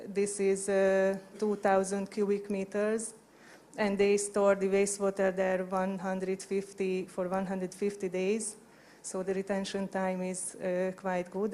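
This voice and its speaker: A woman in her thirties with a Hungarian accent presents at a conference from a lectern, speaking hesitant non-native English. Her voice is medium-pitched and warm, picked up by a handheld microphone she holds at chest level in the hall.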